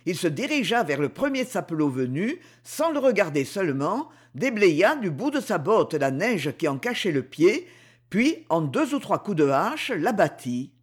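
A man reading a novel aloud in expressive, scripted narration. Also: high voice, moderate pace, breathy edge. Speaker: audiobook reader.

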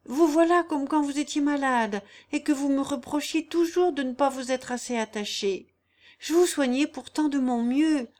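A woman reader acts out a tender young peasant girl in an audiobook, giving her earnest, pleading lines in plain, rustic language. The pitch sits high and carries a lifted, heightened urgency, at normal speed with a darkish tone in her natural voice.

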